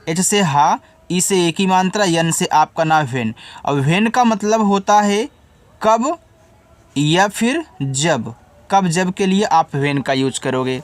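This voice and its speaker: High-voiced man teaching spelling. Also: no room sound. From India. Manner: spells out letters slowly, explains patiently. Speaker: English teacher. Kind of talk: spelling lesson.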